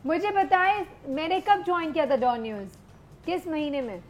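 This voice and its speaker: Upbeat high-voiced TV host woman. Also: expressive, over music. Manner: upbeat, mixes English into her talk. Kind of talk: live morning show, taking phone calls. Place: TV studio.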